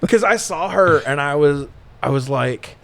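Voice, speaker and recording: A man with a fairly high voice and lively intonation speaks a little slowly, with some vocal fry. He's a podcast co-host recapping a film in a casual, comic chat, swearing freely, irreverent, and often laughing mid-sentence.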